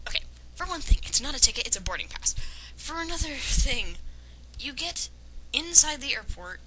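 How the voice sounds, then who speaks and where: An amateur reader and commentator of fan fiction, a woman with a voice on the high side, gives a dramatic reading punctuated by casual mocking asides. She's sarcastic and nitpicking, hesitant when she digresses, on a clearly noisy amateur home recording.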